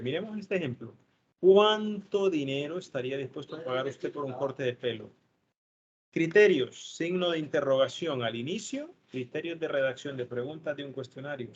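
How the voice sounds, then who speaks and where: A man's voice: on the high side, lo-fi sound, a little hiss or hum. A man giving a tutoring lesson, explaining step by step and checking in with his students. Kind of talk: online tutoring lecture.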